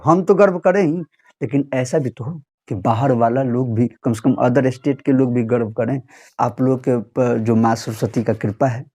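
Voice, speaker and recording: A man's voice: medium pitch, warm tone. A young man from Bihar in India giving an earnest vlog commentary, speaking straight to his listeners and appealing to them. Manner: earnest, appealing and lecturing, direct address. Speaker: vlogger. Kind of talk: earnest direct-to-camera commentary.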